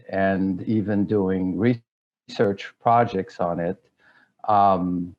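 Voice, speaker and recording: A man's voice: fairly low pitch, muffled recording. A middle-aged man from Guyana, answering interview questions in a hesitant way, with many fillers and restarts. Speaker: guest.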